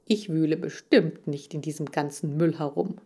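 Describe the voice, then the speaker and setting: A woman voicing a cautious, bossy male hamster in an audiobook, speaking low and measured. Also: mellow, breathy edge. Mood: dry and bossy. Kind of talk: audiobook character voice.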